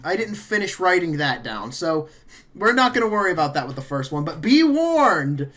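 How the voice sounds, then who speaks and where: A man's voice: on the high side, big pitch swings, moderate pace, a bit bright. A man running a tabletop game as game master, casual and rambling, laughing often and correcting himself mid-sentence.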